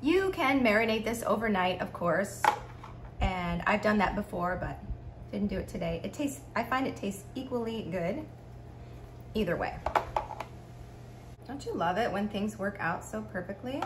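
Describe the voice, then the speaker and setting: A woman's voice: medium pitch, lively intonation, normal speed, long pauses. A middle-aged woman hosting a casual cooking vlog, chatting and explaining as she cooks at home, recorded on a camera mic a few feet away in her kitchen. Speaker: cooking channel host. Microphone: camera mic, framed from a few feet away. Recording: echoey kitchen, faint room hum.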